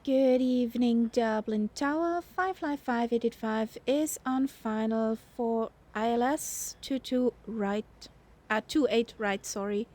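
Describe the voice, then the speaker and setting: A woman's voice: on the high side, measured pace, warm tone. A woman speaking as a pilot, giving radio readbacks with casual asides. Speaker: flight simulator pilot and streamer.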